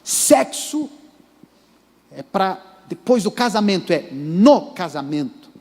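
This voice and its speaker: A Brazilian Portuguese-speaking pastor preaches at a measured pace in his high-pitched, animated, a little mellow voice. Emphatic, he addresses the congregation directly, and the sanctuary lends the recording a church reverb.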